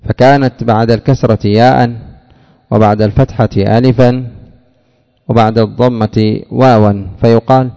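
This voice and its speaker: A man teaching an Arabic grammar lesson, explaining step by step, asking rhetorical questions and drawling out example words slowly. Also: mid-range voice, fairly even intonation, dark tone, long reverb tail. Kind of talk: classroom lecture on grammar.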